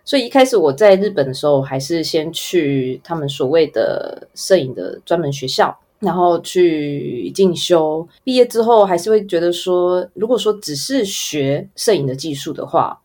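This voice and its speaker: A woman's voice: deep voice, darkish tone. A woman with a Taiwanese Mandarin accent answering casually in an interview, in a rambling, informal way with trailing lists. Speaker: guest, advertising photographer.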